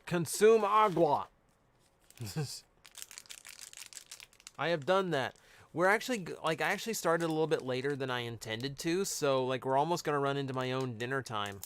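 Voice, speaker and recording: A man's voice: medium pitch, normal speed, fairly bright tone, clean tone. A man chatting casually on a live stream, reading out cards and answering chat. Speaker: streamer opening card packs.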